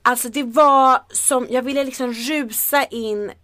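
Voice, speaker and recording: A woman's voice: sits high, steady tone, bright, forceful tone. A woman music critic chatting casually and telling anecdotes with dry, hyperbolic humour.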